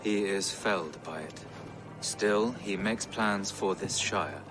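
An actor playing a dignified, formal medieval bishop in a game cutscene. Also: male voice, low-pitched, takes it slowly. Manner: formal, courteous. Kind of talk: video game cutscene acting. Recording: music under dialogue.

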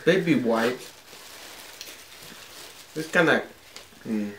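A man's voice: medium pitch, lively intonation, extremely slow, a bit bright, slight background noise, low-quality recording. A man in his twenties giving short, casual reactions as he eats gross jelly beans in a small room. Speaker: challenge partner. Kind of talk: casual chat.

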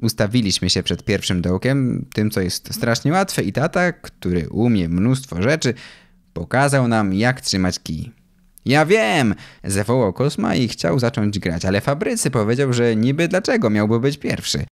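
A man's voice: medium pitch, sing-song, moderate pace. A man reading a children's audiobook aloud, narrating in first person as a young boy. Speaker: audiobook reader.

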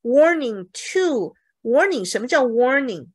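A woman's voice: high-pitched, very animated, takes it slowly, breathy edge. A woman teaching a bible English lesson in Mandarin, explaining each word and checking with her students. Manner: acts out examples dramatically.

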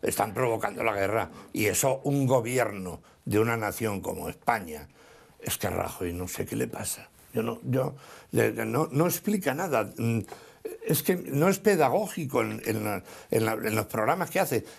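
A man with a Spanish accent arguing politics on a TV panel, animated, with many restarts. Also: lowish voice, normal speed, creaky, husky. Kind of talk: heated political debate.

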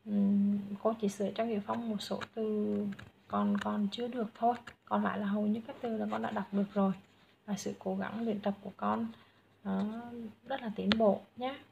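A woman teacher with a Vietnamese accent giving a young student patient pronunciation feedback, saying each English word loudly and repeating it. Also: medium pitch, level tone, gravelly, highs cut off, a little hiss or hum. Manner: slow, patient, models English words loudly and repeats them.

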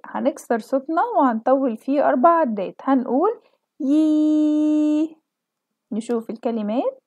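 A young woman with an Egyptian accent, a kindergarten teacher giving a children's alphabet lesson and stretching out each sound slowly for the kids. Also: sits high, darkish tone, no room sound, dull audio. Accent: Egyptian Arabic. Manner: slow drawn-out model pronunciation for children.

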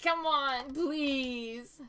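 A woman's voice: sits high, drawn-out words, bright, forceful tone. A woman streaming a game, talking to herself in casual commentary, pleading with the game and laughing at her own mistakes.

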